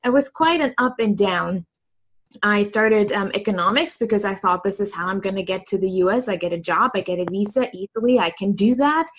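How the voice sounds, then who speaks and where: A woman's voice: medium pitch, a little fast. A woman from Germany, a coach telling her story as a guest in a casual interview over a remote call. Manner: lively storyteller, laughs easily.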